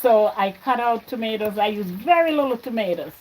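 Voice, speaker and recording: Cooking in her home kitchen, a Jamaican-born woman chats casually to her livestream viewers in a fairly high, slightly mellow voice with lively intonation, talking a little fast. The audio is poor, with slight background noise alongside sounds of frying and stirring.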